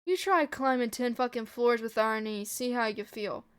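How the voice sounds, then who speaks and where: A woman's voice: fairly high pitch, moderate pace, clean tone, no room sound, natural voice. Woman voicing a blunt tough woman. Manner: blunt, swearing.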